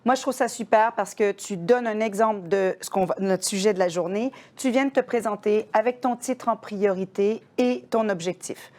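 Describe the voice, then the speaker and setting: Woman giving job tips in a webinar, mid pitch, chatty. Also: normal speed, hardly any pauses, darkish tone. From Canada. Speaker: employment counselor. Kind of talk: webinar presentation.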